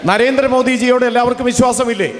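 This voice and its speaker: A man's voice: very high-pitched, fairly even intonation, fast talker, in a large hall. A man interpreting a campaign speech for a crowd in a formal, declamatory way with repeated phrasing.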